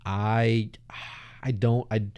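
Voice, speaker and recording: A man's voice: on the low side, steady tone, drawn-out words, darkish tone, clean tone. A man co-hosting a casual movie podcast, mostly chiming in with agreement and dry teasing. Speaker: podcast co-host. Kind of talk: casual movie review chat.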